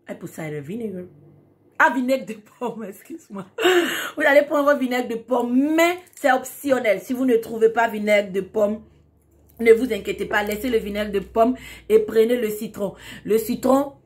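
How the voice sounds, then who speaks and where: A woman's voice: on the high side, moderate pace. A woman hosting a casual beauty tutorial, talking emphatically and repeating key words for stress. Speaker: beauty tips host.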